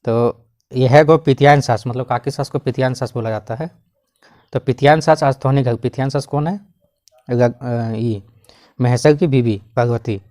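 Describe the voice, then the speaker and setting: A man teaching, who reads a line in a regional dialect and then explains it in plain Hindi, often coughing and clearing his throat. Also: medium pitch, fairly even intonation, normal speed, warm tone. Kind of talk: explaining a Khortha text line by line.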